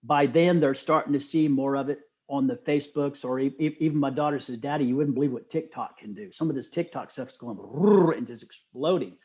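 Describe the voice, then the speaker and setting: Talking fairly quickly with few pauses, this middle-aged man has a mid-range voice. As an interview guest he's an animated, enthusiastic storyteller who keeps quoting people emphatically.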